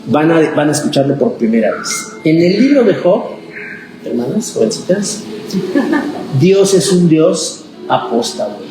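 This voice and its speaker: A man's voice: a little high, measured pace. A man, a pastor leading a conversational Bible study class, asking the group questions and acting out the voices he quotes. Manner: chatty and animated, acts out quoted voices, asks the class questions. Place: church classroom. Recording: echoey room with background noise.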